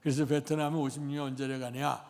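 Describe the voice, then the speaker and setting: A man's voice: on the high side, level tone, quick pace, a little mellow. A man in his sixties preaching a Sunday sermon as pastor, rambling through an anecdote with many fillers. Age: 60s. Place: church sanctuary. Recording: long church hall reverb.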